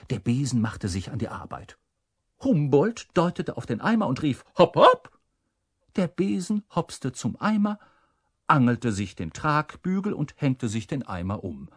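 A man reading a children's story aloud in a playful, animated way. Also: on the high side, gravelly, husky, dry recording, clean studio sound. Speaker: narrator.

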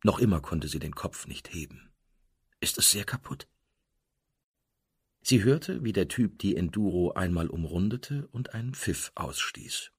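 A man narrating a novel in an expressive storytelling manner. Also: low-pitched, normal speed, hardly any pauses, breathy edge, no echo, clean studio sound. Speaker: audiobook narrator. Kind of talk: scripted narration.

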